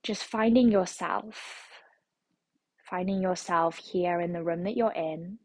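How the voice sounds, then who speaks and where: A woman leads a guided meditation in a slow, soothing, repetitive way. Her low voice is husky and gravelly, and it stays close and dry. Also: no echo. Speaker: yoga teacher.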